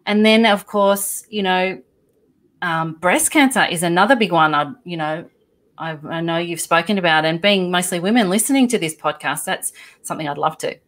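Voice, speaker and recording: A woman's voice: lowish voice, moderate pace, fairly bright tone. A woman hosting a podcast, asking questions in a conversational, earnest way. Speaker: podcast host. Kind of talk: podcast interview.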